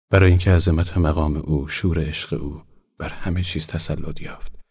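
A man reading a literary story aloud in a soft, hushed voice that often drops to a whisper. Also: a bass voice, vocal fry, slightly rough.

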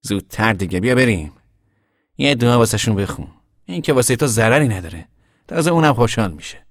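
Man doing a calm, friendly young man. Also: medium pitch, dry recording, studio quality, voice pushed up. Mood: coaxing. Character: steady young man, warm toward family.

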